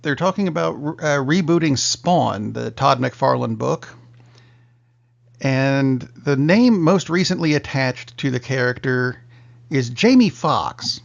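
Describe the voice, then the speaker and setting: A man's voice: medium pitch, animated, takes it slowly, vocal fry. A middle-aged man hosting a film podcast, leading the segments with dry joking asides. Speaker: podcast host. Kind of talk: casual chat. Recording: muffled lo-fi podcast audio.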